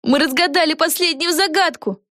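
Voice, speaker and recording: Нетерпеливая прямолинейная девочка, читает женщина, приподнятый голос, сухо, без эха. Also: female voice, extremely high pitch, a little fast, a bit bright, no echo, clean studio sound, voice pushed up. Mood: impatient. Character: brash young girl, blunt and impatient.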